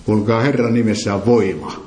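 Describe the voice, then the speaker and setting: A man's voice: lowish voice, fairly even intonation, dark tone. A man preaching an interactive sermon, emphatic, quizzing his listeners with questions. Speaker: preacher leading a Bible study. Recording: roomy echo.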